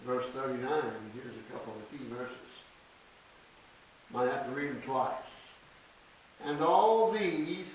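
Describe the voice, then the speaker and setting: Older guy preaching, slow and emphatic, boomy church echo, faint hiss. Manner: slow, deliberate scripture reading with emphatic stresses. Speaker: pastor. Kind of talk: sermon. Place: small church sanctuary. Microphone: podium mic from a distance. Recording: echoey church, distant mic, faint hiss.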